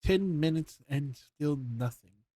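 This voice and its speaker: A man's voice: a little high, slow, mellow, slightly rough, no room sound. A man casually reading a bedtime story aloud to his stream chat, often stumbling and rereading his lines. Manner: stumbling, rereads and corrects himself.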